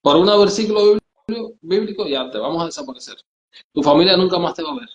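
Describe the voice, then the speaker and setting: A man with a Cuban accent, a pastor telling his story in an interview, halting and repeating words as he goes. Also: high voice, echoey room, lo-fi sound. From Cuba. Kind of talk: testimony in a conversational interview.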